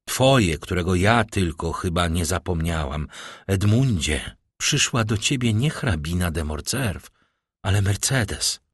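A man voicing a grieving middle-aged noblewoman who pleads with hushed desperation for her son. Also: deep voice, expressive, measured pace, slightly rough, no echo, clean studio sound, heavily acted. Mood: pleading.

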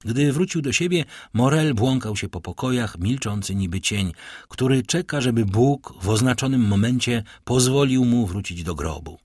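A man narrating a classic novel in a measured, grave manner. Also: medium pitch, animated, darkish tone, dry recording, studio quality. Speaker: audiobook narrator. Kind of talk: dramatic literary narration.

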